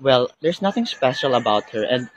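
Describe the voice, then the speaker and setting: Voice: medium pitch, sing-song, normal speed, breathy edge, no room sound, pitched below the performer's own voice, poor audio. Performer as a snooty rich schoolgirl, condescending drawl, haughty. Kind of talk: comic skit voices.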